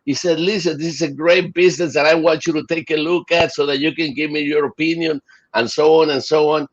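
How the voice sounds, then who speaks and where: This casual interview features a middle-aged man from Chile and Puerto Rico talking with enthusiasm, frequently restarting and filling pauses. His pitch is fairly high, his tone steady, and he speaks a little fast on a dull lo-fi recording.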